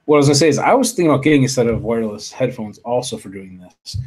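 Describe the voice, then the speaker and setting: A man's voice: mid-range voice, expressive, rapid-fire, a little mellow, husky. A man hosting a casual live stream from a home office, talking into a desktop studio mic, rambling with lots of fillers, restarts and mild swearing. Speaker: livestream show host. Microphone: desktop USB studio mic.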